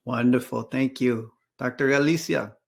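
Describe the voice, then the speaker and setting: A man's voice: medium pitch, normal speed, creaky, breathy edge. A man moderating a webinar panel, thanking speakers and handing over the floor.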